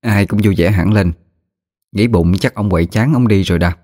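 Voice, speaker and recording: A man's voice: on the low side, moderate pace, dark tone, dry recording, studio quality. A man with a Southern Vietnamese accent narrating a ghost story steadily.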